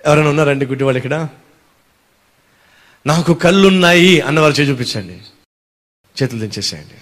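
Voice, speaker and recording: A male pastor preaching a sermon, animated and firing questions at his congregation. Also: medium pitch, racing.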